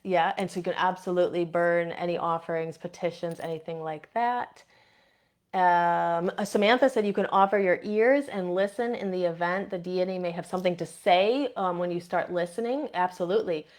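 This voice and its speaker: A woman podcast host with a Midwestern accent softened by years in Boston chats through viewer comments. Her voice sits fairly low, and she talks in a loose, conversational way with plenty of fillers. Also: normal speed. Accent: Midwestern with a Boston influence. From Indiana. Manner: chatty, warm, reads out viewer comments, many fillers. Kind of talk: casual live-stream chat answering comments.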